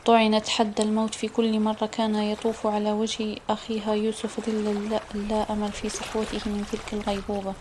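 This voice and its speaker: Flat-voiced woman narrating an audiobook. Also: mid-range voice, a little hiss or hum. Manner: steady, measured reading.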